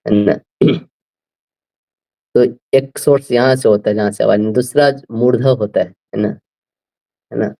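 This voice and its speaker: A man explaining scripture to a class, slowly working through speech sounds and often asking his listeners whether they follow. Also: on the low side, steady tone, vocal fry, mellow, poor audio. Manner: slow, repeats "right?" often, spells out sounds. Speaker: scripture teacher.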